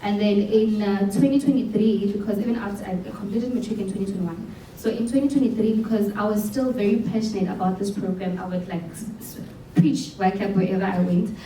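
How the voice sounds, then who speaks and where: At a showcase in an event hall, a young South African program alumna earnestly shares what she learned, restarting now and then. She speaks a little fast in a dark, mid-range voice with fairly even intonation. The mic picks her up from far away in the roomy hall, with a faint hum.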